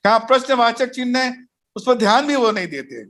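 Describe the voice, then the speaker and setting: A pastor gives a Bible study lesson in a fairly high voice. He works through numbered points and tells short anecdotes along the way. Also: lively intonation, brisk, a bit bright. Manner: didactic, enumerates points, tells jokes and anecdotes. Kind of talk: recorded teaching session.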